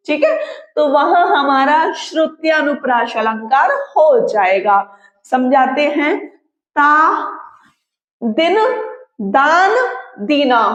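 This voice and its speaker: High-voiced woman teaching slowly. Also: roomy sound, dull audio. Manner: drawn-out, patient explaining with frequent check-ins. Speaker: Hindi teacher. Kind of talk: exam-prep grammar lesson.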